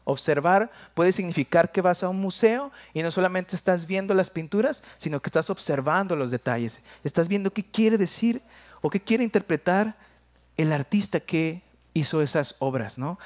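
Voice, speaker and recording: Mexican man preaching conversationally. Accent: Mexican, from Jalisco. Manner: conversational, playful, drops his voice low and quiet for asides. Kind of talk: sermon.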